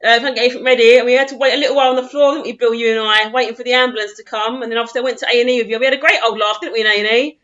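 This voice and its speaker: A young woman with a bright, forward voice pitched a touch high. She hosts the chat and tells a lively, laughing story. The sound is muffled, like a lo-fi stream. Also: very fast, few pauses. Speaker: host, club physio. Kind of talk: casual chat.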